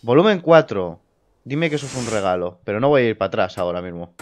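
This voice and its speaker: A young man giving casual let's play commentary, excitable and quick to swear. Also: lowish voice, slight background noise. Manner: excitable, swears, laughs at scares. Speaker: gamer.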